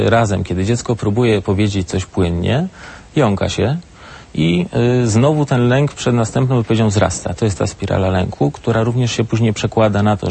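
A man psychologist explains, pausing often on drawn-out fillers. His low voice is gravelly and husky. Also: darkish tone. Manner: halting, many "y" and "mm" fillers. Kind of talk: expert explanation on a talk show.

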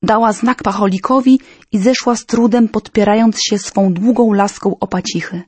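A woman reading a historical story aloud in a measured, solemn, dramatic manner. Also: mid-range voice, steady tone, darkish tone, breathy edge, no room sound. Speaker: narrator. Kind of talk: storybook narration.

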